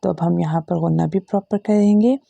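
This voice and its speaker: A woman teacher with an Urdu-Hindi accent walks through a recitation lesson letter by letter, stretching each sound patiently. Her voice is dark and mellow with a gravelly edge. The recording is dry and close. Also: fairly low pitch, steady tone, brisk, no room sound. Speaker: Quran reading teacher. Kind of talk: slow step-by-step recitation lesson.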